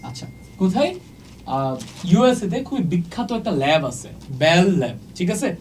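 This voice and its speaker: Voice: mid-range voice, very animated, moderate pace, a little mellow, distant mic, slight background noise, rough recording. A teacher giving an exam-prep lecture while writing on a board, often asking the class if they follow and mixing English words into the talk. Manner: checks in often with "okay?"; mixes English words into speech.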